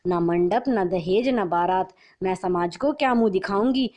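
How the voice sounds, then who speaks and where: A woman voicing a quarrelsome middle-aged mother-in-law who scolds loudly and bitterly in a storybook tale. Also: mid-range voice, moderate pace, close to an everyday voice. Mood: shouting angrily.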